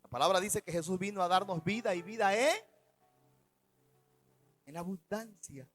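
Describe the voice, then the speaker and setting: A man, a pastor preaching a sermon, swinging between loud and soft as he retells stories in the first person. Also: moderate pace, poor audio. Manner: preaching with dramatic swings in loudness and pitch.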